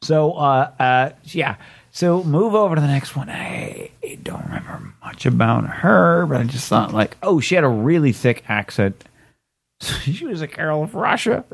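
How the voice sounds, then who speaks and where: Rambling, profane man with a gravelly voice. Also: animated, normal speed. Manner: rambling, profane, mimics voices, swings into high squeals. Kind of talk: casual storytelling chat.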